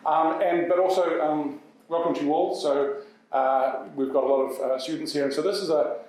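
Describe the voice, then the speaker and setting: A New man hosting an event as MC, talking in a halting way full of uhs and restarts. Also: on the high side, steady tone, a little mellow. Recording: echoey hall from far off.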